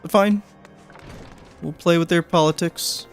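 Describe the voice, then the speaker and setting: A man's voice: on the high side, steady tone, unhurried, faint music behind. A man streaming a game, chatting casually and joking with the characters on screen. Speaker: gaming streamer. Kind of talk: casual gameplay commentary.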